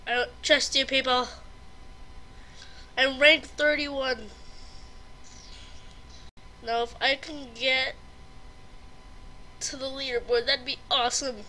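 High-pitched stuffy-nosed woman gamer. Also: fairly even intonation, slow, pauses often, sharp tone, slight background noise. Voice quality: stuffy nose. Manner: easily startled, gasping and exclaiming. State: congested. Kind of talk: gameplay commentary.

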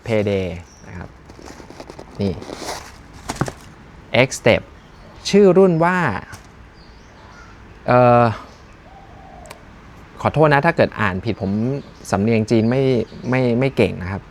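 Male shoe reviewer, easygoing and jokey, slightly low voice. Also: slow pace, long pauses, a little hiss or hum. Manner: chatty, jokey, thinks aloud with many fillers. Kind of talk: casual unboxing chat.

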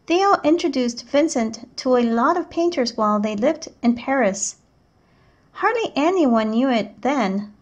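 A teacher reads a picture book aloud, her slightly high voice carrying a measured, clearly enunciated storytelling narration.

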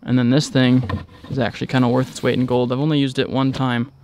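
Standing outside in a driveway beside a truck, a man narrates a loose, informal walkaround vlog. His mid-range voice is level-toned, fast, and a little mellow, with slight background noise.

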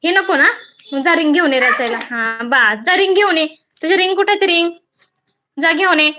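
A mother with a high, light voice plays with her toddler at home, gently coaxing and praising each small step. The recording is muffled and lo-fi. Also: normal speed. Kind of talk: live-streamed playtime talk with a small child.

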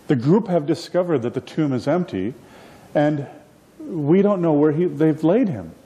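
A middle-aged man preaching a sermon from a church platform, expressive and gesturing, often restarting his phrases. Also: on the high side, measured pace, muffled recording. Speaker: pastor. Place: church platform indoors, livestreamed.

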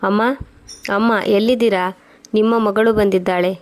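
A woman voicing a loving young married daughter, read in a flat, even way. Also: medium pitch, moderate pace, lightly acted. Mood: pleading.

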